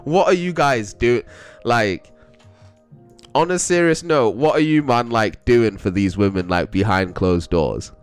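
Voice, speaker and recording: A man's voice: mid-range voice, unhurried, smooth, faint music behind. A young man with a London accent chatting casually as a vlogger, rambling and slangy. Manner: rambling, slangy, often breaks into chuckles. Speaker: vlogger giving commentary. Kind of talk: casual chat.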